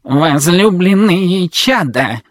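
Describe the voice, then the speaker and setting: Brief: reader doing a grumbling robot with a grating metallic voice, raised pitch, fussy and wordy, audiobook style. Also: animated, very slow, dry recording, studio quality. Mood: officious. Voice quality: creaky metallic voice. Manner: fussy, long-winded and apologetic. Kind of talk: audiobook reading.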